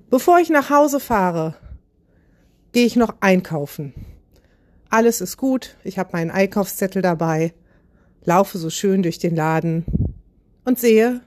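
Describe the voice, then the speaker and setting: A woman hosting a podcast, telling a humorous story in a lively, self-mocking way. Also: on the low side. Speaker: podcast host.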